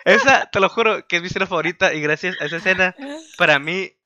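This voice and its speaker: Bright-voiced man, lively movie chat. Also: high voice, fast talker, dry recording. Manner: animated, acts out quotes. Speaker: podcast panelist. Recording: dull lo-fi.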